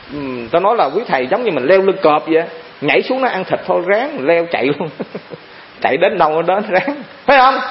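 A man, a Buddhist monk giving a dharma talk to fellow monks, who keeps asking his listeners rhetorical questions. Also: sits high. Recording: dull lo-fi recording.

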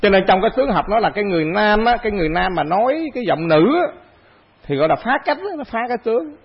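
The dull, lo-fi recording captures a Buddhist monk giving a dharma talk to a monastic assembly in a high, gravelly, husky male voice. Speaking at a quick pace with lively intonation, he stays conversational, repeats phrases, and answers his own rhetorical questions.

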